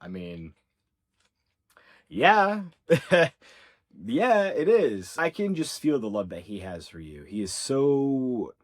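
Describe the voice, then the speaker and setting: A man's voice: mid-range voice, big pitch swings, slow, pauses often. Earnest man giving a spiritual reading. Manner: earnest, reassuring, repeats key phrases; conversational with fillers like "like" and "yeah". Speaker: ascension coach. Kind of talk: channeled spiritual reading to viewers.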